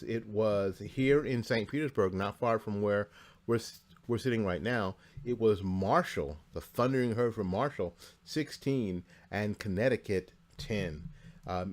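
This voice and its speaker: In a studio near Tampa Bay, a man hosts a sports talk show, casually running through college bowl game scores with asides and plenty of fillers. His voice is on the low side and a little mellow.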